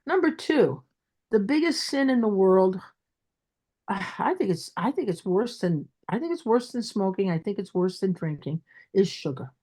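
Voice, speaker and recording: A woman's voice: medium pitch, lively intonation, a little slow, mellow, slightly rough. A woman with a Brooklyn accent speaking as a dentist guest in an interview, emphatic and repeating phrases for stress.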